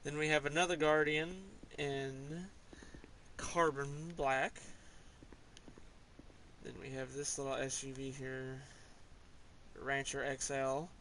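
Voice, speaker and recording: A man's voice: medium pitch, little pitch movement, slow pace, long pauses, bright, forceful tone, a little hiss or hum, rough recording. A man casually talking through his game car collection in a rambling, offhand way, with small hesitations. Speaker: gamer showing his garage. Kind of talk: casual gameplay commentary.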